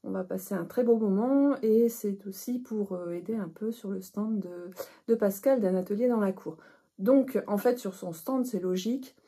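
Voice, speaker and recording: Chatting casually to camera, this middle-aged knitting podcaster from northern France often hesitates and starts over. She speaks at a normal speed in a medium-pitched voice that is dark and slightly rough.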